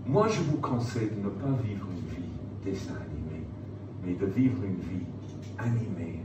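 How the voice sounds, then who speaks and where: With a mid-range voice, a former pastor preaches to a live crowd, animatedly telling stories and performing the characters' lines. The recording comes from a distant mic in a highly reverberant room with noticeable noise.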